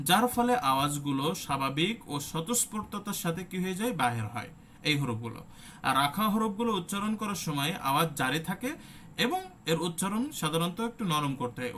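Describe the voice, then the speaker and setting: A man's voice: a little high, fairly bright tone, a little hiss or hum. A man teaching an online Quran recitation class, explaining step by step and sounding out letters as examples. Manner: asks the listeners rhetorical check questions.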